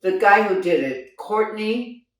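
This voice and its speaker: An older woman reminisces about the theater, laughing often as she tells her stories. Her voice swings widely in pitch and she takes her time. She sounds set back from the mic in a very echoey room. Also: slow, recorded from a distance. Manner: animated storyteller, laughs often, exclaims "oh my God". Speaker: theater director recalling past productions. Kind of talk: casual reminiscing chat.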